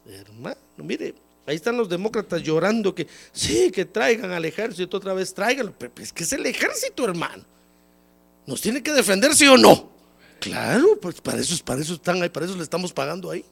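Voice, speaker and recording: Gravelly, lively-pitched preacher with a cold. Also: male voice, a little fast. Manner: folksy, repeatedly calls listeners "hermano"; acts out quoted voices, rising high when emphatic. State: has a cold. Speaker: pastor. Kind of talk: sermon. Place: church service.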